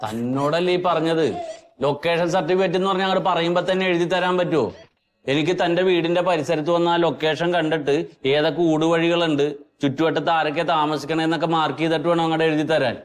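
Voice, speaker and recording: An actor playing a stern government officer who scolds a visitor in a curt manner. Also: male voice, fairly high pitch, fairly even intonation, quick pace, close to an everyday voice. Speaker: sitcom character.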